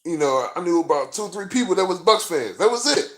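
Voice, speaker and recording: A man's voice: high-pitched, expressive, fairly quick. A man vlogging as a sports fan, ranting in a profane, frustrated and rambling way, full of fillers. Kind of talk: casual rant to camera.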